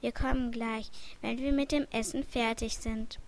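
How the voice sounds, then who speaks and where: A woman's voice: on the high side, steady tone, a little hiss or hum, natural voice. A woman reading as a puzzled mother. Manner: slow, plain read-aloud delivery. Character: patient, puzzled mother of two.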